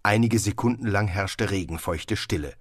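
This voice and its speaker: A man narrating an audiobook in a dry, measured storytelling manner. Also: lowish voice, no echo. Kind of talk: scripted narration.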